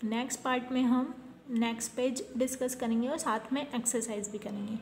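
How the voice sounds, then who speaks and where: A woman's voice: fairly high pitch, steady tone, normal speed, reverberant, a little hiss or hum. A woman teacher with an Indian accent giving an English grammar lesson for young children, drilling word lists patiently and checking in often.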